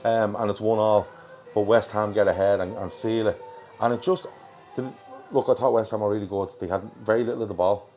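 A man's voice: on the low side, fairly even intonation, fairly quick, warm tone. An Irish man hosting a football show as a casual live chat, in a colloquial, matey manner. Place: pub in Liverpool. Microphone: worn mic.

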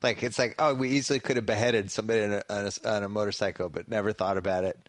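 A man's voice: lowish voice, steady tone, racing, dry recording. A middle-aged man from Massachusetts, hosting a podcast with wry, joking banter. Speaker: podcast host. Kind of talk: casual chat.

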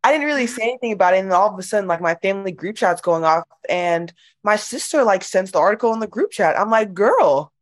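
A woman's voice: mid-range voice, fast, hardly any pauses. A young woman in a casual interview about her basketball career, chatty and giggly, saying "like" often. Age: young adult. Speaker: college basketball player.

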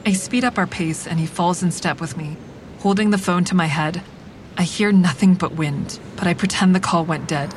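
An actress gives first-person audio drama narration as a grieving woman who is quietly deceptive, speaking in a measured, introspective way. Her voice stays close to everyday speech and her mood is guarded. A steady vehicle rumble runs underneath.

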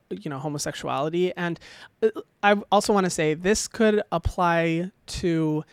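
A young man with a high, clear, resonant voice hosts a podcast, giving a casual and animated opinion monologue peppered with ums and little laughs. There is no echo.

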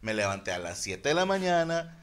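A man's voice: medium pitch, sing-song, a little fast. A man with a Mexican Spanish accent, co-hosting a podcast, telling a profane, laughing story in casual chat among friends. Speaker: podcast co-host.

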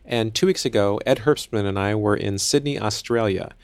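Male host, low gravelly voice, dry close sound, measured delivery. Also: no room sound. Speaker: podcast producer and host. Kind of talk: scripted introduction.

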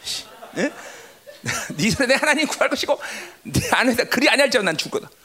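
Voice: medium pitch, very animated, brisk, pushed and bright. A preacher voicing a band of defiant young Hebrew men who refuse to bow and scoff at the threat, in a taunting tone. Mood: defiant, mocking.

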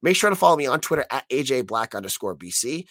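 An American man hosts a solo sports podcast in a close, dry recording. His voice is hoarse and froggy, as if under the weather, and it moves through lively rises and drops. He talks conversationally and emphatically, restarting sentences as he works through his opinions. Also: mid-range voice, fast, dry recording. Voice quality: hoarse, croaky frog voice. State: sick, hoarse voice.

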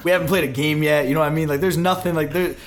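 A man's voice: on the high side, steady tone, very fast. A male podcast host telling a long, rambling anecdote in casual chat, full of "like" and fillers.

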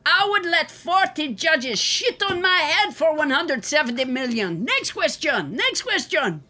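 A woman's voice: high voice, very animated, unhurried, pushed and bright, slight background noise, heavily acted. A woman voicing a crude, boastful male president in a comedy press conference parody, blunt and pompous. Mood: smug, dismissive.

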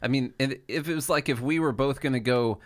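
In a casual podcast conversation, a man with an ordinary mid-range voice works through a point, laying out statistics one by one. He's measured and explanatory, recorded dry and close with no room sound.

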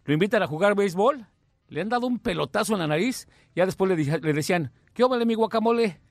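A man guesting as a clown on live radio tells a joke with a playful, mock-defensive air. His fairly high voice swings widely in pitch and has a gravelly edge. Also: animated, quick pace, no room sound, studio quality.

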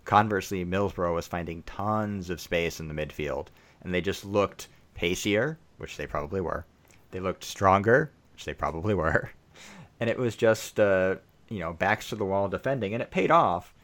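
A man co-hosting a casual football podcast, giving a measured, analytical breakdown of the match. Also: deep voice, a bit bright. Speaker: podcast co-host.

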